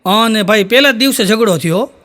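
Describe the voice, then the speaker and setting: This is live stand-up from a man with a Kathiyawadi Gujarati accent. He talks a little fast in a high, fairly bright voice, telling his jokes as stories loaded with "he said" tags.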